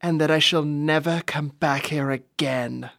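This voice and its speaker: A man's voice: on the high side, steady tone, a little slow, creaky, a bit bright. A man voicing a cruel, mocking male fairy in an audio drama, silky and condescending. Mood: grudging. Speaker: villain.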